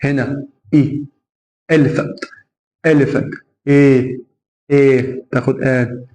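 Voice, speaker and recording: A man's voice: mid-range voice, flat delivery, slow pace, dark tone. Egyptian man drilling vowel sounds. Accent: Egyptian Arabic. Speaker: English teacher. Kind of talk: classroom lesson explanation.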